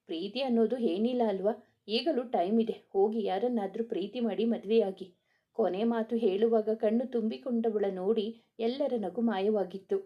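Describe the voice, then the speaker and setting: A woman reading a romance story aloud, voicing all the characters' lines herself in a steady narrating voice. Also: fairly high pitch, muffled recording.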